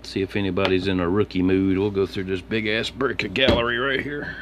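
Sitting at a desk with a computer indoors, a man streams about his card hobby, naming cards one by one in a casual, slangy, laid-back mutter. His voice is low and brisk, with steady room noise behind him.

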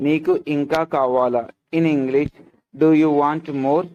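A male teacher reads English phrases at a very slow, careful pace. His voice sits a little high for a man. Each phrase comes out deliberately, often said twice. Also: fairly even intonation, highs cut off. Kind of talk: slow bilingual language lesson.

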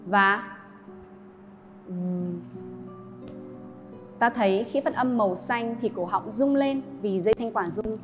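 A woman teacher, slowly modelling English sounds and explaining pronunciation rules to students. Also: on the high side. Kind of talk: classroom lesson narration. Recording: long reverb with faint music.

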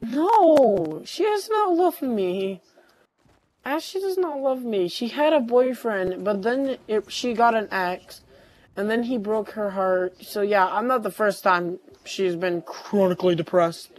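A man's voice: high voice, lively intonation, unhurried, low-quality recording. A guy in a casual chat, playfully protesting and acting mock-annoyed at being teased. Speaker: co-host.

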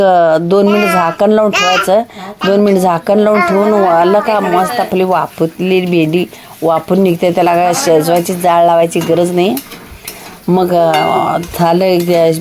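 A woman's voice: fairly low pitch, a little mellow, slight background noise. A woman, chatting homely and repetitive while she cooks in her kitchen. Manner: homely, chatty, repeats herself often. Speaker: home cook. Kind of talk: casual cooking demonstration.

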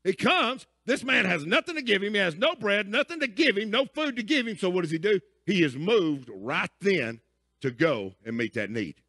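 High-voiced, gravelly preaching pastor. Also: male voice, big pitch swings, moderate pace, pushed and bright. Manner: emphatic, folksy preaching with call-and-response checks. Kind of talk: sermon.

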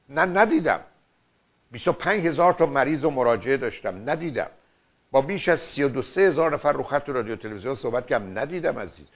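A man's voice: a little high, fairly bright tone. Lecturing older man radio therapist. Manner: lecturing, insistent, repeats "dear" and rhetorical questions. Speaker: radio and TV family therapist host. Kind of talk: call-in advice show.

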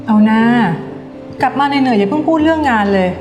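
Actress as loving middle-aged mother, gentle and coaxing; somewhat high, with a long room reverb. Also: lively intonation, quick pace, music in the background. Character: doting middle-aged mother of a rich family. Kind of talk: short drama acting.

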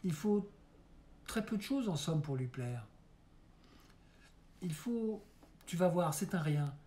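A man reading the part of an aging male stage mime who coaches his son before a first performance, earnest and coaxing, with soft hushed asides. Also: fairly high pitch, expressive, slow, voice pushed up. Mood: coaxing mentor. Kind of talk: dramatic monologue reading.

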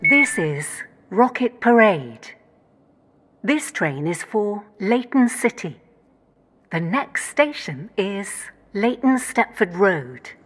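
A woman voicing an automated onboard train announcer who reads station calls in a steady, scripted way. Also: mid-range voice, slow pace, slightly rough, heavily acted. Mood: calm.

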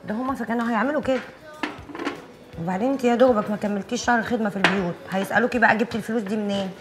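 A woman's voice: mid-range voice, racing, music in the background, lightly acted. An actress with an Egyptian accent playing a blunt, nagging young woman friend.

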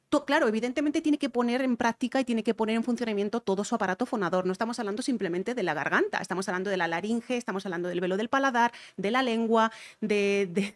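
A woman with a Spain Spanish accent and a slightly high voice works as a vocal coach, reacting to a music video. She explains singing technique and keeps repeating her key points.

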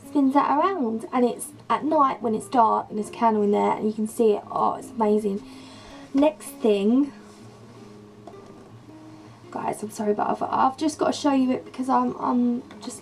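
A young woman, her voice a little croaky from a sore throat, pitched fairly high as she gushes and rambles about her things. She talks straight into a camera mic in her bedroom while soft music plays faintly underneath. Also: poor audio. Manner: gushing, rambling, enthusiastic. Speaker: beauty and lifestyle vlogger. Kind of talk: casual chatty vlog.

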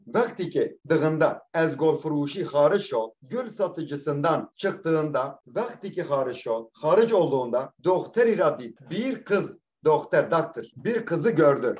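A man's voice: on the high side, lively intonation, a little slow, a little mellow, dull audio. A male teacher explaining step by step. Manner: explains patiently, repeats words, asks questions and answers them. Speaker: language teacher. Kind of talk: classroom lesson, reading and translating a text line by line.

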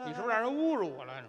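A man performs crosstalk comedy on a theater stage and speaks. His voice is high and bright, with a swooping, very animated delivery. He answers in stubborn, indignant retorts, and the sound carries a long hall echo with faint background noise. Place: theater stage before a large audience.

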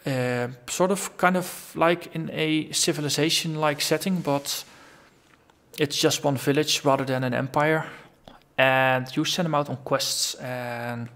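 A man hosting a gaming channel rambles and thinks aloud through a long, casual solo vlog. His medium-pitched voice has vocal fry and a slightly bright quality, and it is tiring after the lengthy recording.

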